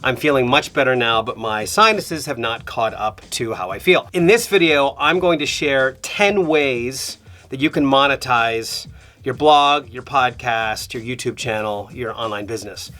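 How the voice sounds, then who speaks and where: Bright, nasal man with a cold. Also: medium pitch, unhurried. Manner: conversational, checks in with listeners. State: stuffed up from a cold. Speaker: podcast host. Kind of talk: explaining business tips to camera.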